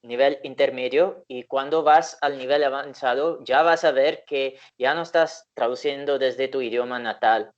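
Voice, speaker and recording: A man with an Indian accent hosting a casual interview and asking measured, careful questions. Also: medium pitch, muffled recording. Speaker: interviewer, channel host. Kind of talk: casual interview over a call.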